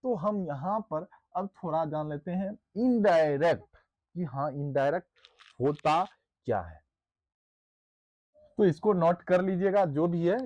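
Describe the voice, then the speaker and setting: A man teaching a basic grammar lesson, repeating words slowly as he dictates notes in English. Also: fairly high pitch, dark tone.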